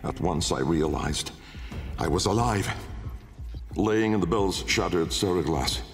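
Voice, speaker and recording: A male actor gives a theatrical monologue as a haunted, brooding older aristocratic inventor telling his memoir in a video game. His deep, gravelly voice is grandiloquent and deliberate, pausing for weight, and long cavernous reverb rolls beneath the music.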